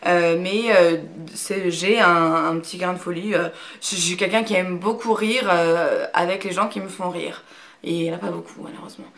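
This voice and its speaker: A woman's voice: mid-range voice, fairly bright tone. Hesitant woman in her thirties. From Brittany, France. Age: 30s. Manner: hesitant, many fillers and restarts; reserved, frank and earnest. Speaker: YouTuber. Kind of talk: casual talk to camera, answering a question tag.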